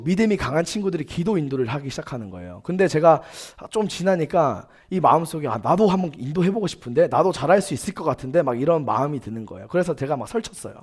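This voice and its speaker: 열정적으로 설교하는 젊은 남성 전도사. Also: male voice, fairly high pitch, darkish tone. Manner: earnest, emphatic, with personal stories and quoted dialogue. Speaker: youth pastor. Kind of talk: sermon. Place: church sanctuary.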